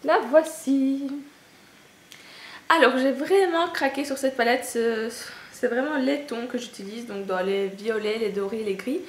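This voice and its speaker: A woman's voice: a little high, a little slow. A young woman with a Belgian French accent, chatting in a casual haul video, gushing and self-mocking with lots of fillers. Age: young adult. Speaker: beauty vlogger. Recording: echoey room with faint ambient noise.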